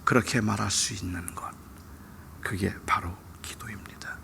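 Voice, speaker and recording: A middle-aged male pastor preaching at a dawn church service, telling a personal story. He swings from loud outbursts to hushed whispers. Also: lowish voice, fairly even intonation, moderate pace, creaky. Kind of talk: sermon.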